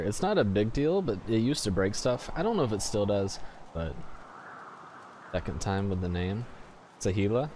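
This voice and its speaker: A man casually commenting on his gameplay as host, rambling with lots of fillers. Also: lowish voice. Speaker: let's play host. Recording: game music behind.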